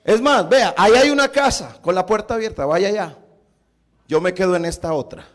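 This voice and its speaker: A man voicing a firm male missionary who speaks slowly and deliberately. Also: high voice, lightly acted. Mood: insistent. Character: calm firm male missionary, older mentor.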